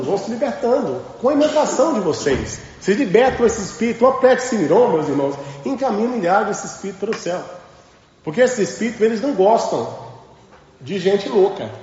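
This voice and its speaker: Guy giving a spiritual class, high lively voice, keeps asking the room questions, big echoey hall. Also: a little hiss or hum. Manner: emphatic, asks the class rhetorical questions. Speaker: spiritual teacher. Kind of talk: religious class lecture. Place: large temple hall. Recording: echoey hall with dull lo-fi sound.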